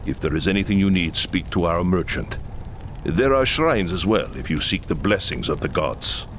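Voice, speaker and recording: In a fantasy game cutscene, a middle-aged actor voices a grave, proud Kislevite leader of a war-torn camp, speaking earnestly and solemnly and sometimes pleading. His male voice is low, animated and a bit bright, at a moderate pace. Orchestral game music plays behind him, with a faint hiss or hum.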